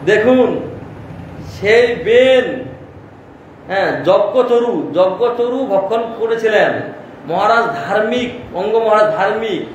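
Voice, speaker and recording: A man's voice: sits high, measured pace, pauses often. A man, a monk preacher, giving a devotional storytelling sermon. He asks rhetorical questions and answers them himself, with many affirming fillers. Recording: echoey distant mic with faint noise.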